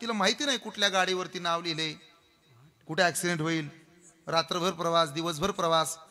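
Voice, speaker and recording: A man's voice: a little high, steady tone, fairly quick, sharp tone. A man preaching a comic devotional kirtan, playfully teasing the crowd and leading call-and-response. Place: stage before a live audience. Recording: long hall reverb, faint music.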